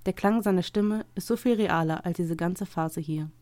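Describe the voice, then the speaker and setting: A woman narrating a scripted first-person story in a calm, reflective way. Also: on the low side, moderate pace, dry recording.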